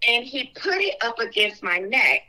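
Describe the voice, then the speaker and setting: A woman guest in an interview telling a personal story in an earnest, fast way, full of "like" and "so". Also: a little high, sing-song, sharp tone, poor audio. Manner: earnest, talks fast with frequent "like" and "so".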